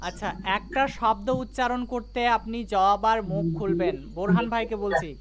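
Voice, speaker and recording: A man's voice: high voice, moderate pace, crowd noise. A man teaching a live online grammar class, explaining patiently step by step and quizzing his students.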